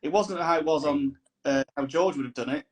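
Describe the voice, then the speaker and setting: A man's voice: on the high side, fairly quick, a little mellow. A man, a musician guest on a podcast, talking in a rambling, thoughtful casual chat. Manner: rambling, thoughtful, many restarts.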